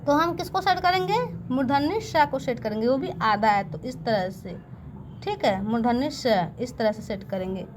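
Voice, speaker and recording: A woman's voice: a little high, expressive, moderate pace, noisy background. A woman teaching a patient classroom-style lesson, speaking to the listeners as children and often asking checking questions.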